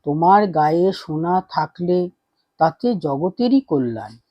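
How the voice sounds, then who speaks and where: Guy reading a sweet teasing devotee lady, soft and coaxing, higher voice. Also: animated, takes it slowly, no room sound, highs cut off. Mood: tender. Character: affectionate teasing female devotee.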